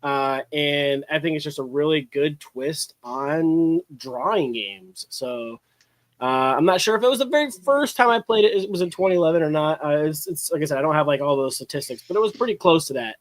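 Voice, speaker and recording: An easygoing man, a podcast guest, explains a game in casual chat with many fillers. His fairly high voice sounds close and dry, with no room echo. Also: fairly quick.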